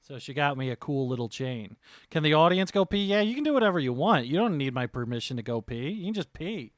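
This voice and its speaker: A man's voice: fairly high pitch, sing-song, a little fast, no echo, clean studio sound. A man talking casually as a streaming game master, in a rambling, joking manner.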